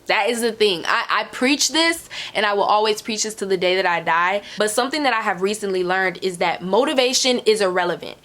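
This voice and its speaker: A woman's voice: mid-range voice, expressive, brisk, hardly any pauses, fairly bright tone. A woman answering viewer questions in a casual, candid way, repeating phrases for emphasis and swearing freely. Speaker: host of a Q&A.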